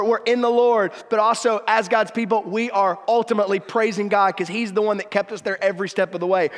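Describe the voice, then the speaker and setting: A middle-aged man preaching a sermon as pastor, animated, swinging from loud outbursts to soft, low passages. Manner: animated storytelling, rising to shouts then dropping low and soft. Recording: long reverb of a large hall.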